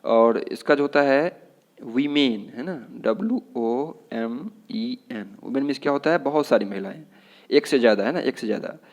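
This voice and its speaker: Man, Indian accent, Hindi speaker, pronunciation teacher, repetitive questioning, mid pitch. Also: lively intonation, moderate pace, highs cut off. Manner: repetitive, keeps asking "what should we say". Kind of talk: explanatory classroom lesson.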